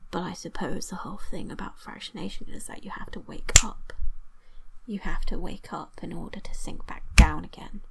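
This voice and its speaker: A woman giving an ASMR hypnosis session in a breathy whisper, coaxing the listener with repetitive suggestions and lingering pauses, close to the microphone. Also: lowish voice, fairly even intonation, rough recording.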